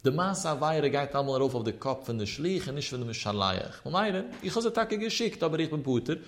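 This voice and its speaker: A man with a fairly high voice leads a religious study lesson. He talks through the texts in a sing-song study cadence, his pitch swinging up and down as he explains. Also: big pitch swings, a little fast. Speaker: Talmud teacher.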